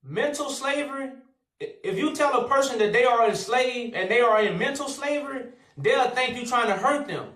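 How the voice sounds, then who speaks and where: A man with a high, bright-pitched voice argues in a heated live debate, preaching his point and talking over the other side. He sounds set back from the mic in an echoey room. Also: moderate pace, far from the mic. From America. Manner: preachy, talks over others, repeats "sis". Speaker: channel host.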